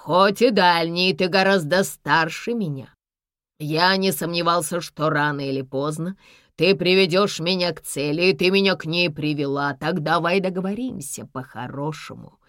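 A woman's voice: on the low side, normal speed, fairly bright tone, no room sound, clean studio sound, voice pushed down, close to an everyday voice. A woman voicing a ruthless older man who threatens and barks orders in a mocking tone. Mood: menacing. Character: ruthless older man, menacing villain with a revolver.

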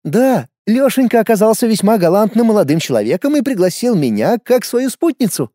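A man's voice: sits high, big pitch swings, fairly quick, dark tone, no room sound, clean studio sound, voice pushed up. A man voicing a self-assured older woman. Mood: lecturing, breezy. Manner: lecturing, knowing.

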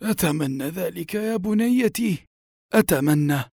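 A man's voice: high voice, animated, measured pace, gravelly, darkish tone, husky, dry recording, clean studio sound, pitched above the performer's own voice, full character voice. A man voicing a worried, stern old grandfather in an audiobook, speaking firmly. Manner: firm, anxious pleading.

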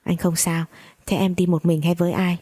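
A woman voicing a cheating husband who stammers when caught and then yells fast at his accusers in a low, husky voice. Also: level tone, no echo. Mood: flustered. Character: cheating husband, flustered then indignant man.

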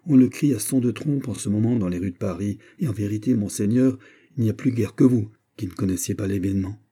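A man's voice: on the low side, quick pace, mellow, husky. A man playing a grave, loyal confidant. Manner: grave, urgent warnings. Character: loyal anxious male confidant, grave and urgent. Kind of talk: audiobook character reading.

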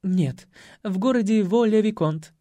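A man's voice: high voice, measured pace, warm tone, dry recording, voice pushed up. A man reading an audiobook voices a young woman chatting airily about her supposed life abroad. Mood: breezy. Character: young woman spinning a fanciful story, airy.

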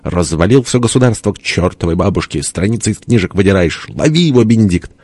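A man voicing a gruff, hot-tempered old father-in-law who barks orders in a hoarse voice. The tone is dark and the recording dry and close. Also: deep voice, expressive, fast talker, no room sound. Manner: hoarse shouting. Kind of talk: audiobook character voice.

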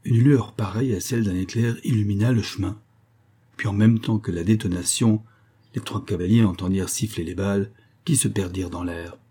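A man reading a classic novel aloud in measured, even scripted narration. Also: lowish voice, breathy edge. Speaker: audiobook reader.

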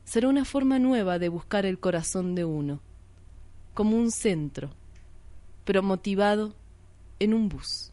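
A woman hosting a radio art show, reading a literary text slowly and reflectively, asking and answering her own questions. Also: mid-range voice, expressive, mellow, no echo.

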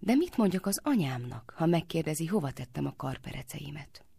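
A gentle young girl speaks softly and wistfully in a read-aloud tale, voiced by a woman narrator. The tone is low and gravelly, close and dry. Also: big pitch swings, no room sound, full character voice. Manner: soft-spoken, wistful.

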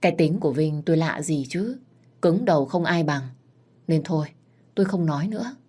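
Low-voiced woman narrating a story. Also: husky. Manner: measured, expressive storytelling. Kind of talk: first-person audio story narration.

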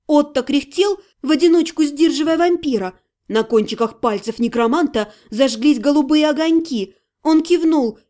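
Woman reading a story aloud, high voice but mellow tone, expressive. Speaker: audiobook narrator. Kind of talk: scripted narration.

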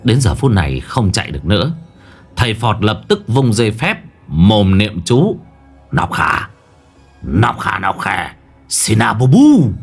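A man narrating a horror story with dramatic, suspenseful delivery. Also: fairly low pitch.

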